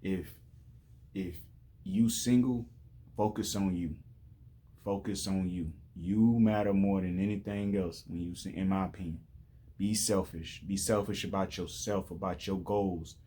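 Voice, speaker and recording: Speaking a little slowly in a low, mellow voice with fairly even intonation, a late-twenties man offers rambling life advice full of restarts and "you know what I'm saying." It's a casual motivational monologue, and the recording carries a slight hiss or hum.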